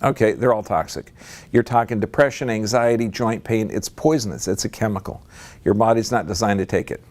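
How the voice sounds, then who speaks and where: A man giving a talk to a live audience in a room, speaking emphatically and leaping up in pitch to stress a point. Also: a little fast, darkish tone.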